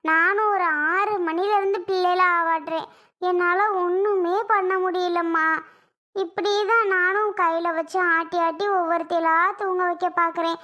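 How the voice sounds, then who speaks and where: A woman voicing a weary older aunt in a cartoon, talking slowly and tiredly about sleepless children. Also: very high voice, pushed and bright. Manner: slow, tired, complaining. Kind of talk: cartoon voice acting.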